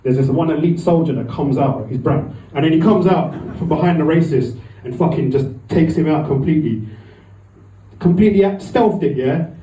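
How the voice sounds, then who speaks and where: A man's voice: a little high, moderate pace, mellow, a little hiss or hum. A man, doing a rambling, self-deprecating stand-up set in a comedy club. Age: 40s. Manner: rambling, self-deprecating, acts out voices with swearing. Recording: echoey room, mic from far off.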